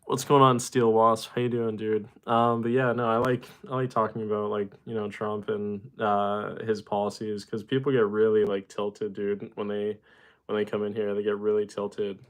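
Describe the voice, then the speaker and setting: Young man chatting on a livestream, smooth voice. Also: lowish voice. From Boston, Massachusetts. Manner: relaxed, rambling, many fillers, greets chatters. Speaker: livestream host. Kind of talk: casual livestream chat reading viewer comments.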